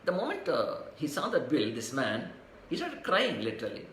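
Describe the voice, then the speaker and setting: A man's voice: medium pitch, wildly swooping pitch, normal speed, fairly bright tone. Echoey sermon voice, man. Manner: rhythmic, repeats phrases, chants verses. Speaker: spiritual teacher. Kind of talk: devotional sermon. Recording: echoey room, faint ambient noise.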